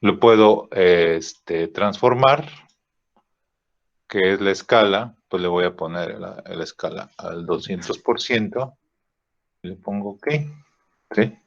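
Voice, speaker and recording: A man teaching a drawing software lesson, thinking aloud with fillers and checking in with "¿sí?" after each step. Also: sits low, creaky. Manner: slow, checks in with frequent "¿sí?" and "¿no?"; thinks aloud with "este" fillers while clicking. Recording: dull lo-fi recording.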